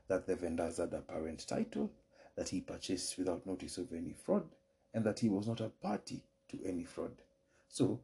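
Kenyan male lawyer-host, deep and dark-toned, formal lecturing delivery. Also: creaky. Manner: measured, formal lecturing with careful restarts. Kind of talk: solo legal explainer podcast.

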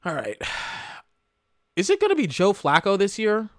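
A man's voice: high voice, huge pitch swings, unhurried, dry recording, clean studio sound. A man hosting a podcast, reacting live to an awards broadcast in casual, rambling commentary, often exasperated and swearing. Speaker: podcast host.

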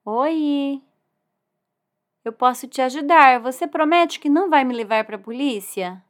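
A woman voicing a kind, timid dragon in a children's story, speaking gently. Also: high-pitched, unhurried, voice pushed up. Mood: gentle.

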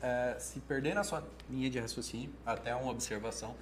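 This oratory teacher has a Brazilian Portuguese accent and a medium-pitched male voice, talking fairly quickly with a bit of background noise. He coaches casually and with animation, voicing quoted thoughts aloud and restarting many times.

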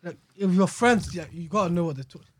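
A man's voice: high-pitched, fast talker, no echo. A young man with a London roadman accent and street slang, bantering casually as a podcast co-host. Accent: London, urban roadman slang. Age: young adult.

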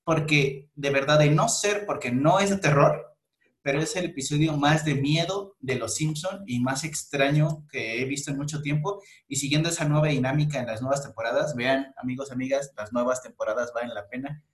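A man hosting a casual chat, telling stories in an animated, slangy way with many restarts. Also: mid-range voice, moderate pace. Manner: animated storyteller, slangy, frequent restarts and laughs. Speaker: podcast host. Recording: echoey room.

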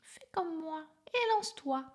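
A woman's voice: very high-pitched, animated, measured pace, pitched above the performer's own voice. A woman voicing a helpful, chirpy parrot in a storybook, speaking in an encouraging way.

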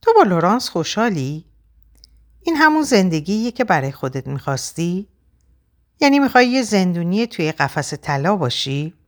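A woman's voice: on the low side, sing-song. A woman reading the part of an earnest young man in love, speaking insistently and persuasively. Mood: urging.

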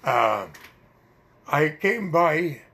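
A man's voice: on the high side, sing-song, very slow, creaky, bright, forceful tone. An older man with a Dutch accent, telling long rambling stories with many hesitations in an oral history interview. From Netherlands.

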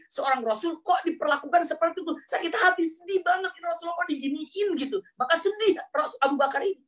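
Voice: mid-range voice, a bit bright. A preacher telling a religious story as a sermon, repeating key phrases and asking rhetorical questions.

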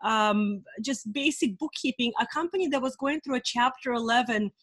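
A woman in her forties, originally from Russia, appears as an interview guest and works as a life and business strategist. She answers questions about her career in an earnest, reflective way with many fillers, and her voice is on the high side, a bit bright, at normal speed.

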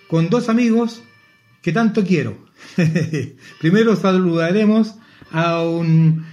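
A man's voice: sits high, a little mellow, lo-fi sound. A Chilean man hosting a radio show, cheerful and effusive, who laughs easily. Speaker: radio host.

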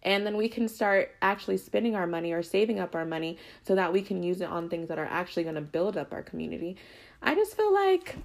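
Gravelly-voiced woman ranting casually. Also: lowish voice, fast. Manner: animated, emphatic, lots of fillers. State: has the hiccups. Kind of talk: casual opinion monologue.

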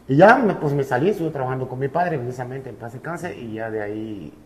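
Relaxed Cuban man telling his story. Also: mid-range voice, moderate pace, a little hiss or hum. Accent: Cuban Spanish. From Cuba. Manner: relaxed storyteller, many fillers. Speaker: musician guest.

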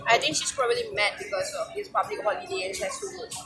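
A woman's voice: fairly high pitch, animated, quick pace, background noise. A young woman with a Malaysian English accent, chatting casually as a podcast co-host in a restaurant, mixing in Malay words and laughing often. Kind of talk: casual chat.

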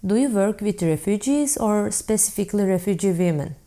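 A woman from Turkey hosting a podcast, reading her introduction and questions in a plain, measured way. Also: medium pitch, animated, dark tone. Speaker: podcast host. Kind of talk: scripted interview questions.

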